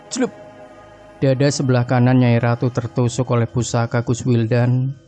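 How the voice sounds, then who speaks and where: A man narrating a scripted horror story in a mellow, dark-toned voice. His delivery stays steady and flat. Quiet music runs under the reading. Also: medium pitch. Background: faint background music.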